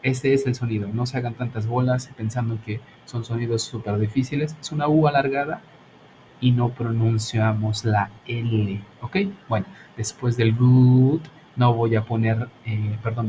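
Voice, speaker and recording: A man's voice: medium pitch, dark tone, slight background noise, low-quality recording. Bilingual man teaching English grammar. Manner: explains patiently, switches between Spanish and English, frequent "¿ok?". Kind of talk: online class explanation.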